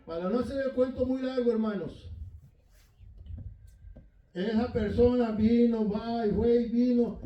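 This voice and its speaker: A man's voice: very high voice, fairly even intonation, a little slow, pauses often, muffled recording. Guy preaching in church, chatty tag questions, echoey room, mic kinda far. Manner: folksy, addresses listeners as brothers, frequent tag questions. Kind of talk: conversational sermon with personal anecdote.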